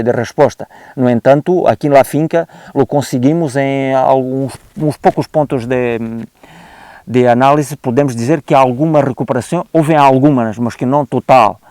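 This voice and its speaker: Hesitant Portuguese man, warm smooth voice. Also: medium pitch, no room sound. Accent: European Portuguese. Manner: hesitant, frequent "eh" fillers and restarts, mixes in Spanish words. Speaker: guest expert on oak disease. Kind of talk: unscripted explanatory talk. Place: on a country estate, outdoors.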